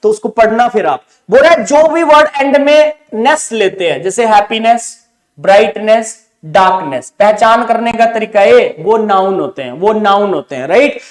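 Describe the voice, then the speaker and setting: Man, very high voice, Indian English accent, grammar teacher, online exam class, keeps checking students follow. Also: lively intonation. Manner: slows down sharply for English example sentences.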